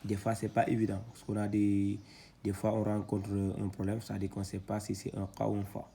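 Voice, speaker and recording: A man teaching Quran reading, patiently spelling out syllables one at a time, louder when he sounds them. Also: fairly low pitch, completely flat delivery, fairly quick, gravelly, slight background noise. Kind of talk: slow letter-by-letter reading lesson.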